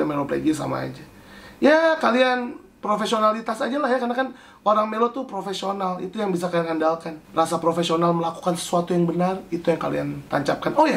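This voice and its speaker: A young man hosting a casual chat, answering viewer questions with animated swings in pitch. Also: vocal fry. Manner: animated, jumps pitch to read questions aloud.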